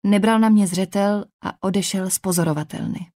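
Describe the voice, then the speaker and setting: Woman calmly narrating an audiobook. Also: mid-range voice, no room sound, studio quality. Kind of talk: scripted first-person narration.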